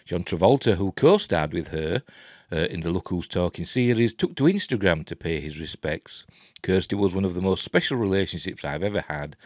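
A deep, slightly mellow male voice, recorded dry with studio clarity. He's a Yorkshireman in his sixties who hosts a film and TV news vlog, rambling hesitantly through casual commentary from a small, cluttered room at home.

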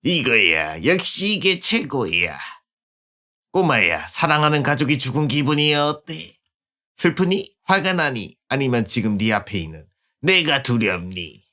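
A streamer voicing a sinister, mocking gentleman villain in a video game, gloating and taunting theatrically like a mustache-twirling villain. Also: mid-range voice, big pitch swings, a little slow.

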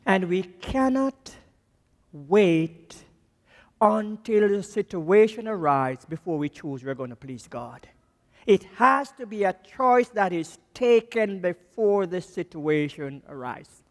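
A man with a Jamaican accent delivers a sermon at a slow, emphatic pace, dropping his voice low to land each key word. His speaking voice sits high. Long reverb from the church hall trails behind him. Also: lively intonation. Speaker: missions speaker preaching.

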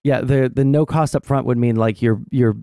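Measured young man, dry close mic. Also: mid-range voice, steady tone, dark tone, no echo. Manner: hesitant, halting, measured explaining. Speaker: streamer host. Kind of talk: casual political discussion over a game stream. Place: small indoor streaming room. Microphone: close desk mic with headset.

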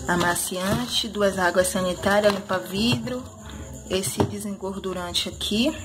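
Filmed on a handheld phone in her kitchen, a thirtysomething Brazilian vlogger goes item by item through her monthly groceries, chatty and full of "né." Her voice is mid-range and the background is noisy.

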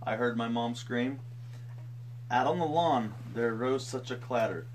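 A man in his thirties reads a picture book aloud to his daughter on a live stream, playful and breaking off for jokey asides. His unhurried voice swings widely in pitch, jumping high for quoted voices, over a little hiss or hum.

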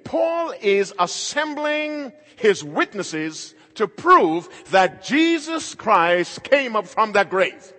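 A middle-aged male pastor preaching a sermon emphatically, moving between loud and quiet passages. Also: high-pitched, very animated, slow pace, few pauses. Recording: long hall reverb.

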